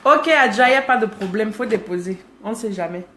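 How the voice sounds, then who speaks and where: A woman's voice: mid-range voice, expressive, brisk, a bit bright, a little hiss or hum. A woman in her thirties with a Cameroonian accent, chatting casually on a live stream, greeting viewers by name and teasing them. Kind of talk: casual live-stream chat reading comments.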